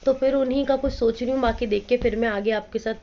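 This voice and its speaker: Chatty hoarse woman vlogging at home. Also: fairly high pitch, steady tone, fast talker, mellow. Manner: chatty, addresses viewers directly. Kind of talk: casual home vlog chat. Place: at home, indoors. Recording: slightly dull lo-fi phone audio with faint noise.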